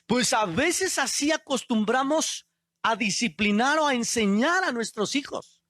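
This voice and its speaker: Man, pastor, sermon, slow, call-and-response questions. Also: very high-pitched, lively intonation, a bit bright.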